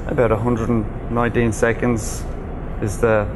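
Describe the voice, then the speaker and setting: A Dublin-accented man talks through a bartending technique in an informal, unhurried way, proud of the craft. His mid-pitched voice sits in clearly audible ambient noise. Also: little pitch movement. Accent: Dublin Irish. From Ireland. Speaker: bartender demonstrating a pour. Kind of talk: informal spoken tutorial.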